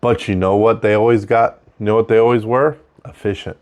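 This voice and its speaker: A man's voice: lowish voice, fairly even intonation, brisk, a little mellow, clear, resonant tone. A man hosting a casual unscripted monologue, talking conversationally and repeating points for emphasis, with audible breaths between his phrases. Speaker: host of a show about technical trade work.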